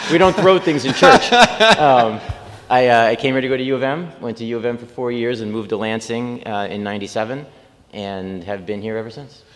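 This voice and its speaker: A man's voice: lowish voice, a bit bright. A man in his forties from Long Island, a city mayor talking informally to a church congregation, rambling with frequent ums and restarts. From Long Island, New York. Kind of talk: informal speech and Q&A. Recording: reverberant church hall.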